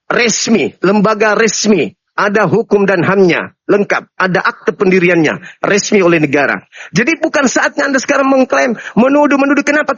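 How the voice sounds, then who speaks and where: A man's voice: extremely high pitch, fairly bright tone, no room sound. A man speaking as an Islamic apologist in a heated debate, taunting and lecturing his opponents in a combative way. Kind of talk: heated live debate speech. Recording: muffled, lo-fi, dry.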